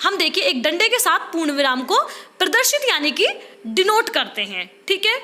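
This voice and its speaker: Young woman teaching online, chatty, keeps saying see and okay, high bright voice. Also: very animated, normal speed. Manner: chatty, repeats "dekhiye" and "theek hai". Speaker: online teacher for teacher-training exam. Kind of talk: casual Hindi-English lecture.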